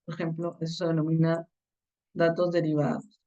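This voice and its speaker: A course instructor giving a recorded lecture on the slides, explaining step by step and often checking in with a quick tag question. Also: mid-range voice, completely flat delivery, mellow, far from the mic, muffled recording.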